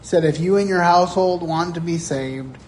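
A man in his sixties preaching a sermon in a chapel, telling stories earnestly with deliberate pauses. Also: a little high, a little mellow, a little hiss or hum. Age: 60s. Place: chapel sanctuary.

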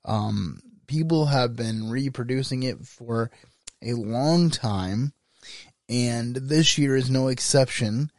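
A man hosts an informal review in a measured, deliberate way. His voice sits at a middle pitch and is recorded very dry. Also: a little mellow, dry recording. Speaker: host. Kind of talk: informal scripted-feeling review commentary.

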